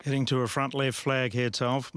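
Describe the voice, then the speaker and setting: A man giving measured golf commentary as an analyst, describing play in clipped present-tense phrases. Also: medium pitch, level tone, fairly bright tone, clean tone.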